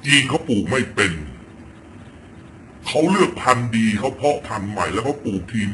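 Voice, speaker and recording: A man's voice: medium pitch, animated, normal speed, sharp tone, slight background noise. A man from Thailand ranting through a political commentary clip, blunt and crude, swearing often as he talks. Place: home in Virginia.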